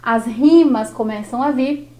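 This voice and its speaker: A Brazilian Portuguese-speaking woman teaching a workshop lesson on verse, slow and didactic, drawing out each syllable. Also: a little high, warm tone.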